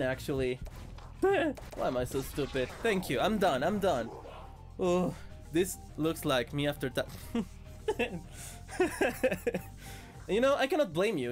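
A sick man streaming a video game, excitable and swearing as he plays. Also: sits high. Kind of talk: casual gameplay commentary.

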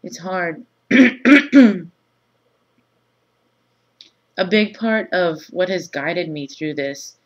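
A woman in her thirties who has just woken up, talking groggily and haltingly in a low-key, casual, confessional vlog. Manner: halting, pausing often mid-thought. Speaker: vlogger. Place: small room indoors. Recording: dull lo-fi webcam sound.

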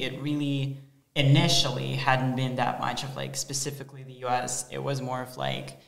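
A teenage exchange student from Ukraine, answering interview questions eagerly and articulately, often laughing, at a desk mic in a small studio. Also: male voice, mid-range voice, gravelly, fairly bright tone, echoey room. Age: teens. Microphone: desk mic with headphones.

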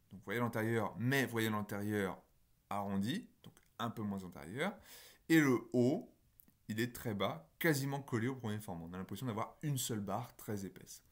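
A man gives a recorded phonetics lecture over on-screen slides. He explains step by step in a patient, methodical way and often pauses to ask whether the class follows. His voice sits at a middle pitch for a man. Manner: patient, explanatory, with frequent checks like "d'accord?". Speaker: phonetics teacher.

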